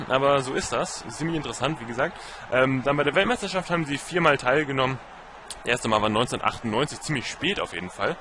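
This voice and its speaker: A man's voice: medium pitch, noisy background. A young man giving casual, rambling commentary over a football video game, full of fillers and self-corrections. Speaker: gaming commentator.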